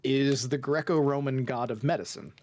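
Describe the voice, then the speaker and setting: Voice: mid-range voice, normal speed, a little mellow, a little hiss or hum. A streamer playing a detective game who gets sidetracked and explains things at length in casual chat.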